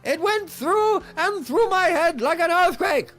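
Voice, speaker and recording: A man voicing a fussy, excitable old king with a shrill, drawn-out theatrical voice. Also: faint music behind, full character voice. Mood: fussy excited.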